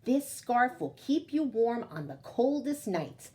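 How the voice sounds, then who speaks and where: In a storybook tale, a woman voices a kindly, chatty old grandmother who fusses over her guest, coaxing and exclaiming. Her voice is on the high side, mellow and sing-song, and she speaks at a slow pace.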